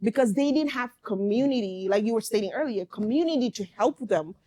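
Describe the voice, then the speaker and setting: A woman hosting a casual talk show, lively and slangy, who laughs a lot. Her voice is recorded close and dry, with no room sound. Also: on the high side, brisk, no echo. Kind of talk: casual chat.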